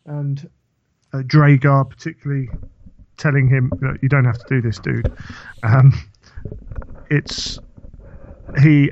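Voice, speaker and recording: Male podcast co-host, relaxed recap style, muffled lo-fi mic. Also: medium pitch. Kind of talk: casual podcast chat. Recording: dull lo-fi microphone.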